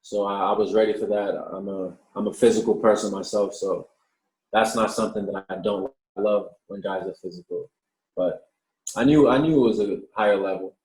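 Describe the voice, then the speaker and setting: A man's voice: on the low side, moderate pace, roomy sound, rough recording. A man in his twenties, a professional basketball player who grew up in Australia, answering interview questions casually and often repeating words as he starts a thought. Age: 20s. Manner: relaxed, repeats words when starting sentences.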